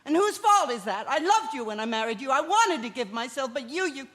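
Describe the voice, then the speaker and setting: A cold, defiant unfaithful wife. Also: female voice, high-pitched, expressive, a little fast, a bit bright. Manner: cold and defiant, turning tearful. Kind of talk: stage drama performance.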